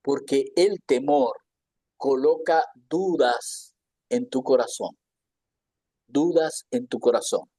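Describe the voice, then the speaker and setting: A man's voice: medium pitch, takes it slowly, long pauses, mellow, no room sound. A man teaching a Bible lesson in a conversational sermon style, often asking his listeners questions. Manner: conversational, asks the audience questions.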